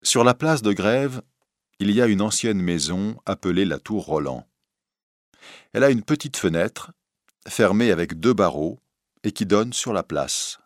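A man reading a story aloud in scripted narration, expressive and storytelling. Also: fairly low pitch, a little slow, no echo, clean studio sound.

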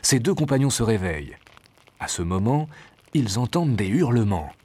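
A man narrating a storybook adventure in a measured, expressive reading. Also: mid-range voice, slightly rough.

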